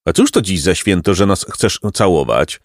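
Storybook figure: a greedy, grumbling rascal boy, raised pitch, put on by the male narrator, dry close sound. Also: lively intonation, normal speed, no room sound. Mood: wheedling. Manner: grudging, wheedling. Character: cheeky lazy peasant boy, grumbling and greedy.

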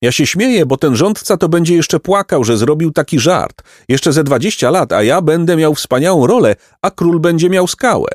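A man's voice: fairly high pitch, expressive, moderate pace, hardly any pauses, dry recording, studio quality, voice pushed up, natural voice. A man voicing a cheerful, good-natured peasant who talks in a hearty, simple-hearted, laughing way, in a storybook reading.

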